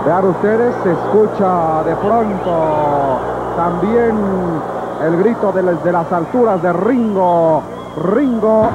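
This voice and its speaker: Male wrestling commentator, Mexican accent, high voice, live calls on a muffled, noisy old broadcast. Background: loud arena ambience.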